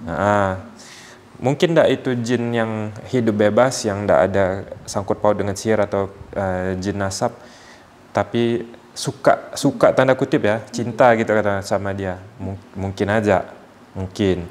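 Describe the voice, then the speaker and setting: A man working as a ruqyah healer, calmly explaining to a patient and acting out short quotes as examples. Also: lowish voice, a little slow.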